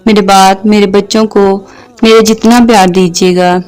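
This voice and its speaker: A woman voicing a gentle, patient young mother near death, speaking tenderly and tearfully. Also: medium pitch, steady tone, clear, resonant tone, natural voice.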